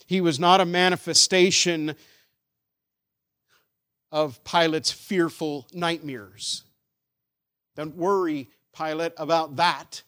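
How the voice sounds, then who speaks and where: A man preaching a sermon, building emphatic rhetorical questions that swell louder and drop soft. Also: fairly high pitch, fairly even intonation, takes it slowly, long pauses. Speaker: pastor.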